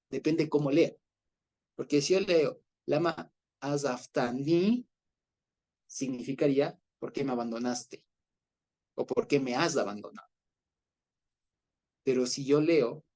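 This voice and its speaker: A man teaching an informal Bible study, speaking in a mid-pitched, mellow voice. He explains step by step and often stops to check that his listeners are following. His delivery is loose and unhurried, with fillers and restarts as he hunts for the right word.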